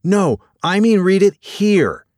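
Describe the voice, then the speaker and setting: A man voicing a pert young female museum docent who talks high, breathless and urgent. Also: very animated, moderate pace, dry recording, studio quality. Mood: frantic urgent.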